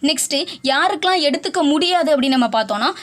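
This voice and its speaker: Woman, tax teacher, video lesson, quick delivery, high voice, drops in English legal terms. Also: lively intonation. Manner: mixes English legal terms into Tamil, reads rule text slowly; brisk, repeats points in plain words. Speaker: tax tutor. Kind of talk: explaining income tax rules in a video lesson.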